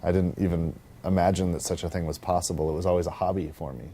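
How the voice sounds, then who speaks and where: A man, a game developer, reflecting on his career in a measured interview. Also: low voice, little pitch movement, warm tone, slight background noise. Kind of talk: interview recollection.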